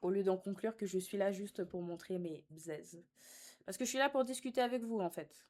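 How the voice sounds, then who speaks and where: With a moderate pace and a darkish, mid-pitched voice, a young woman chats casually on a live stream. She teases her viewers, uses lots of slang, and goes back and forth between reading their comments and responding.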